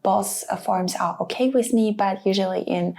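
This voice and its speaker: A woman's voice: medium pitch, moderate pace, gravelly, a little mellow. A woman in her twenties from Russia, talking casually to the camera about herself in a vlog. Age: 20s. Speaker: vlogger.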